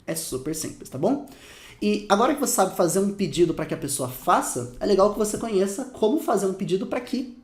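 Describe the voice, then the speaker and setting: Brazilian guy teaching english, lively, says the examples slow, roomy echo. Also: high-pitched. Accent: Brazilian Portuguese. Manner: lively, repeats example phrases slowly. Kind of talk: casual teaching lesson. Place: room with dogs barking outside.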